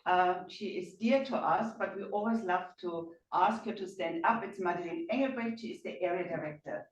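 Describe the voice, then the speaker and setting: A woman chairing a speaking club meeting, chatty and quick to laugh. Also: lowish voice. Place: meeting room. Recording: echoey room from far off, faint noise.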